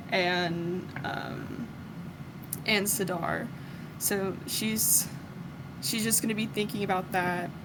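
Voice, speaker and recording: A woman's voice: mid-range voice, noisy background. A woman playing a tabletop role-playing game, chatting casually and thinking aloud in a hesitant way. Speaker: player.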